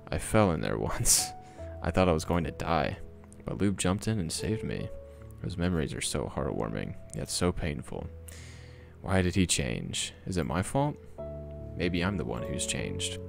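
A cheerful but secretly sad teenage girl, as a man reads her lines in a deep voice. The reading is plain and a bit gravelly. Music plays steadily in the background. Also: big pitch swings, unhurried, heavily acted. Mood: sad inner monologue. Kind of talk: reading game dialogue aloud.

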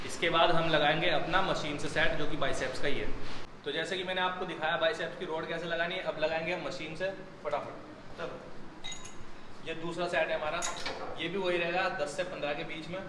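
A young man with a fairly high voice coaches a gym workout on camera, directing a trainee and offering encouraging praise. He's a gym trainer who hosts a fitness channel. The indoor gym room is echoey, with loud background ambience and noise.

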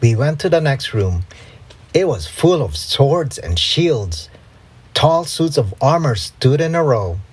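A woman's voice: very deep voice, breathy edge. A woman reading a children's storybook aloud, voicing the characters. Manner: slow, lively read-aloud with voiced characters. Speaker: storybook reader.

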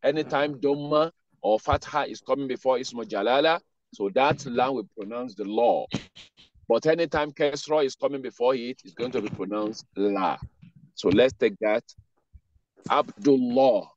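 A man teaching an Arabic pronunciation class online, saying words slowly and carefully and then explaining the rules behind them. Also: medium pitch. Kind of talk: online class with read-after-me drills. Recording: dull lo-fi online class audio.

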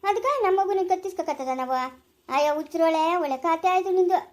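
A performer playing a bossy older village aunt in a rural family drama, scolding in a brisk way with a rural Chikkaballapura Kannada accent. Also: very high voice.

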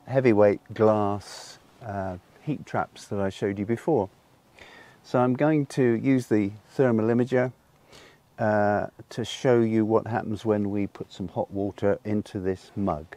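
With a fairly low, dark-toned voice, an older man demonstrates solar cooking in a garden, unscripted and patient, often pausing with "um." He's miked with a lapel microphone.

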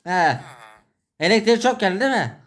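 A man's voice: high-pitched, animated, moderate pace, voice pushed up. A man voicing a sarcastic, scolding male shopkeeper in a game role-play, with a Turkish accent, mocking and raised in tone.

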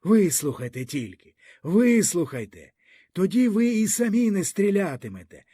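An anguished peasant leader, as a male reader plays him begs and pleads in a raised, urgent voice. The tone is husky and mellow, and his pitch swings widely between phrases. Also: big pitch swings, normal speed, no echo, clean studio sound, exaggerated voice. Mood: desperate.

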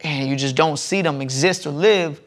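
Here a young Southern American man talks at a moderate pace in a slightly high voice. Guesting on a podcast, he drifts through loosely told stories with many false starts, recorded by a lapel mic in a studio lounge.

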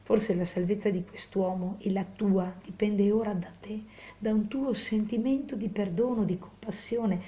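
A woman's voice: mid-range voice, steady tone, normal speed, dark tone, dull audio, close to an everyday voice. A woman voicing a grave old friar. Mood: solemn. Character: elderly friar, grave and compassionate.

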